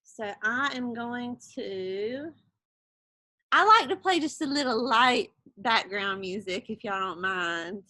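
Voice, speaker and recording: A woman's voice: on the high side, lively intonation, takes it slowly, pushed and bright. A woman leading an aerobics class as the instructor, counting and cueing moves in an upbeat, encouraging way. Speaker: group fitness instructor.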